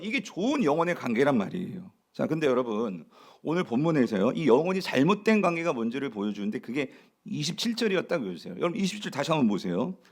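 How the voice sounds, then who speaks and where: A pastor delivers a Sunday sermon in a bright, fairly high voice that swings widely up and down. He presses his points with rhetorical questions thrown out to the congregation and leans hard on key words. The delivery is emphatic and lively throughout. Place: church sanctuary.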